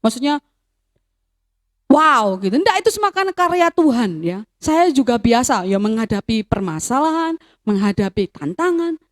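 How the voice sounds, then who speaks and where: High-voiced woman telling a testimony. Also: sing-song, normal speed. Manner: storytelling, drops into Javanese phrases. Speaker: youth speaker. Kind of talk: testimony sermon to youth.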